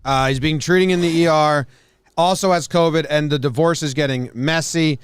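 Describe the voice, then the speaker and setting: A man's voice: a little high, steady tone, clean tone, no echo, studio quality. A young man co-hosting a podcast, joking and laughing as he reads out odd news stories. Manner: quick, joking, laughs often. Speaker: podcast co-host. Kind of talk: casual comedic banter.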